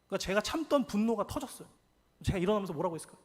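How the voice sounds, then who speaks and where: A man's voice: high voice, rapid-fire. A young adult man, a pastor from South Korea, preaching a storytelling sermon and acting out the quoted lines of people in his stories. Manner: animated, acts out quoted lines.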